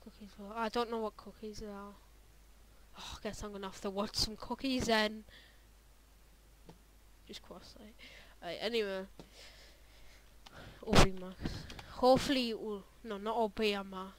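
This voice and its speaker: A woman's voice: medium pitch, steady tone, unhurried, long pauses, slight background noise, low-quality recording. A young woman chatting casually as she reacts to her own old videos, rambling with lots of fillers and trailing off. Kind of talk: casual reaction vlog commentary.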